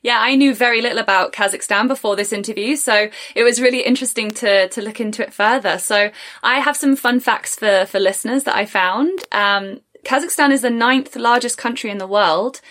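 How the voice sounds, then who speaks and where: A woman's voice: fairly high pitch, a little fast, fairly bright tone. A British woman hosting a podcast interview, bubbly and curious, laughing often as she asks questions. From Britain. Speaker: podcast host.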